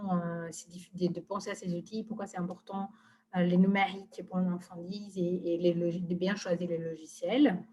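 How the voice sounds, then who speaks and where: A woman presenting software in a live webinar, talking casually with many hesitations and fillers. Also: medium pitch.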